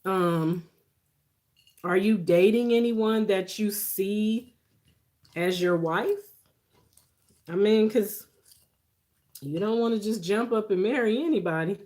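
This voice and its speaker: A woman's voice: mid-range voice, takes it slowly, long pauses, a little mellow. A woman in her forties hosting a casual livestream, talking to viewers in a reassuring, conversational, advice-giving way. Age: 40s. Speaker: livestream host.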